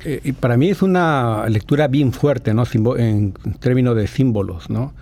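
A man giving a thoughtful, casual commentary on a Bible reading, pausing often with fillers. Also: medium pitch, creaky, dark tone. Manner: thoughtful, with many fillers and tag questions. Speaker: co-host commenting on scripture.

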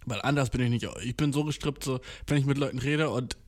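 A man's voice: medium pitch, steady tone, fast. Young man, comedic monologue, slangy and mock-arrogant, constant anglicisms, playful exaggeration. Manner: slangy youth talk full of English words; mock-cocky, jumps into exaggerated voices. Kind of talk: casual comedic rant.

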